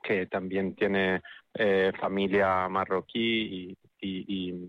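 A man's voice: sits low, flat delivery, very slow, dry recording, lo-fi sound. A man from Italy with an Italian accent, speaking as a festival spokesperson in a radio interview, thoughtful and often repeating words as he searches for them.

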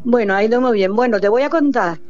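An older woman from Almería with an Andalusian accent, chatting warmly as a caller on a night radio show, laughing often. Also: fairly high pitch, quick pace, dull audio. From Almería, Spain.

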